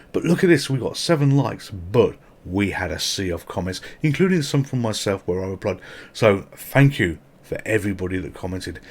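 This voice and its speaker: A man hosting a retro gaming channel, chatting casually and swearing now and then, with a sore mouth. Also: on the low side. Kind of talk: casual gameplay commentary.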